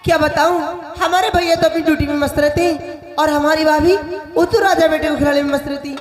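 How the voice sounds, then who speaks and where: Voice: high voice, fairly even intonation, brisk, lightly acted. A performer playing a young unmarried woman on a folk stage, wishing to be married. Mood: wistful. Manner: wistful, complaining. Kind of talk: live folk stage acting. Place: outdoor fair stage. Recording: echoey live stage with loud music.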